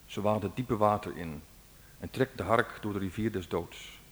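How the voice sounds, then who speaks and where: A man narrating an old folk epic aloud in a measured, dramatic way. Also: lowish voice. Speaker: storyteller. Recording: long hall reverb.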